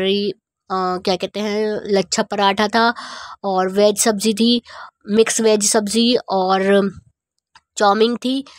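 A woman's voice: medium pitch, dry recording, clean studio sound. A woman in her thirties narrating a family vlog in a casual, rambling way with many fillers. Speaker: family vlogger. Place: outdoors on a city street at night. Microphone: phone held at arm's length.

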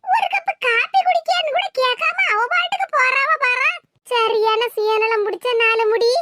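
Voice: extremely high pitch, normal speed, sharp tone, no room sound, clean studio sound. A performer voicing a sly, self-pitying young woman with a Kanyakumari Tamil accent, whining in a cartoon. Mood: scheming. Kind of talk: cartoon voice acting.

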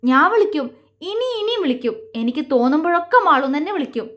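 A woman's voice: sits high, normal speed, close to an everyday voice. A woman voicing a playful, stubborn young man with a childlike mind in an audio love story, sometimes stammering. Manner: teasing, stubborn, stammering at times.

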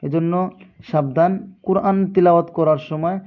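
A man teaching Quran recitation, spelling out letters and vowel marks, then chanting each verse slowly. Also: on the high side. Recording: tinny phone-like audio.

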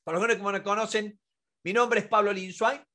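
An Argentine negotiation expert from Córdoba, in his forties, sits at a desk in an indoor room and delivers an emphatic, informal lecture to camera, full of rhetorical questions and marked by his Argentine Spanish accent. His voice is high and sharp, with fairly even intonation and a fairly quick pace.

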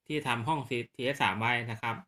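Presenting a radio gear demonstration for his video channel, this man talks fast in a pushed, bright, medium-pitched voice. He's polite and casual as he works hands-on, frequently making sure viewers keep up.

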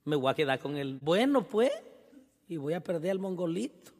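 A man's voice: fairly high pitch, big pitch swings, normal speed, darkish tone, pitched below the performer's own voice. A man with a Mexican accent voicing a poor, exasperated single mother who laments as she talks. He is recorded live at a music show. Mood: lamenting. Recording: live music venue with long reverb and band music.

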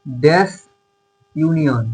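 A man's voice: on the high side, slow, a little mellow, husky, low-quality recording. A male tutor with a Bengali accent teaching a grammar lesson, asking his students questions and answering them himself.

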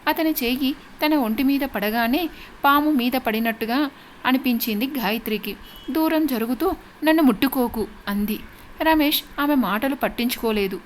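A woman storyteller reads a dramatic story aloud in a steady, expressive manner. Her voice sits fairly high, and a faint hiss runs beneath it. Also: moderate pace. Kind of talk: scripted story narration.

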